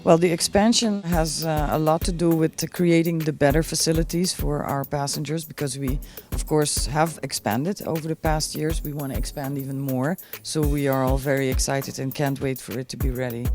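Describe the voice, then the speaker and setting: Woman, measured and explanatory. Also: low-pitched, steady tone. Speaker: airport executive, interview guest. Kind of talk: on-camera promotional interview. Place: airport VIP lounge. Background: music.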